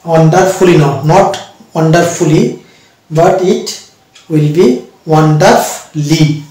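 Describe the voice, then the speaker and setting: A man teaching English pronunciation, speaking slowly and repeating words syllable by syllable as he explains. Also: fairly high pitch, warm tone. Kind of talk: pronunciation lesson. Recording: echoey room, mic far off.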